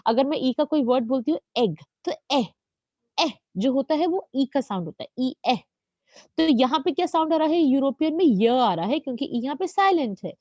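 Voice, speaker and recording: A woman's voice: high voice, animated, a little fast, darkish tone, no room sound, muffled recording. A woman teacher explaining grammar to students, patiently checking that they follow and calling them children. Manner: patient, checks understanding with repeated questions. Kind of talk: grammar lesson explained in Hindi.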